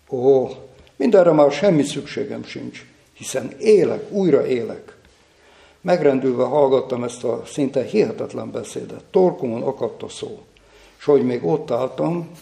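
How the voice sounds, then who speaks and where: A male preacher talks in a dark, gravelly voice, solemn and unhurried. He reads a story aloud and then leads a prayer. The sound carries the echo of a reverberant room. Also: medium pitch. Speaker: pastor. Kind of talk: sermon reading and prayer.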